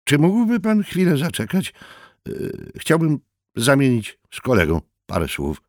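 Man voicing a male editor, uneasy, stammering, polite, raised pitch. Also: huge pitch swings, a little slow, dry recording, clean studio sound, heavily acted. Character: nervous, polite middle-aged male editor.

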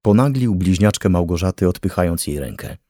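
A man narrating an audiobook thriller with a measured, tense reading. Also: low voice, expressive, warm tone, dry recording, studio quality. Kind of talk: scripted narration.

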